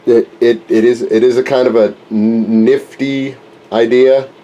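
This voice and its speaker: Here the channel host, a man in his forties who builds RC planes, talks loosely through a cold, wandering and fixing his words as he films his home workshop on a close-held handheld camera. The voice is mid-range and warm, with fairly even intonation and a slightly slow pace, and the sound is lo-fi.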